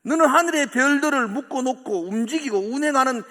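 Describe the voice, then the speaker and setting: A man's voice: very high-pitched, expressive, brisk, pushed and bright, pitched above the performer's own voice, exaggerated voice. A male preacher voicing God as a commanding, majestic figure who fires rhetorical questions, heard with long church hall reverb.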